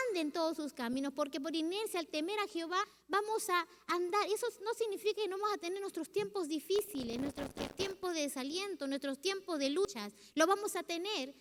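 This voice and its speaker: High-voiced woman pastor preaching. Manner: emotional, confessional preaching with quoted prayers. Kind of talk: sermon. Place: church sanctuary. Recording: long church-hall reverb.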